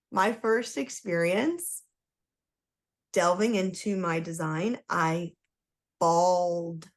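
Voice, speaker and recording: A woman's voice: fairly low pitch, steady tone, drawn-out words, pauses often. A woman, a guest coach telling her story on a podcast in a candid, emphatic way. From Toronto, Canada; born in Trinidad and Tobago. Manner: candid, emphatic, with frequent "like" fillers. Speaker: guest, human design coach.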